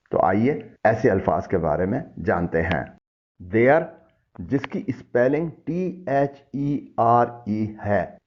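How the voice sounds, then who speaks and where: A man teaching a scripted vocabulary lesson, spelling out each word letter by letter in a deliberate way. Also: fairly low pitch, dull audio. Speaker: language teacher.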